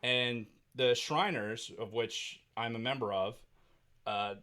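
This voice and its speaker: A man's voice: medium pitch, slow pace, sharp tone. A man co-hosting a casual podcast, ranting angrily and swearing heavily. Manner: heated, profane ranting. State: angry. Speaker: podcast co-host.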